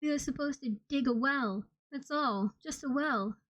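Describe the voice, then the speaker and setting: A woman's voice: high-pitched, normal speed, a bit bright, voice pushed up. A woman voicing the distraught ghost of a common laborer in an audiobook.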